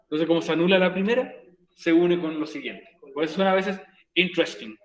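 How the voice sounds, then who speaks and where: A man's voice: fairly high pitch, quick pace, echoey room, poor audio. A male English teacher with a Chilean Spanish accent, patiently explaining comparatives to his class and repeating key words. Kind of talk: recorded virtual class, explaining grammar in Spanish.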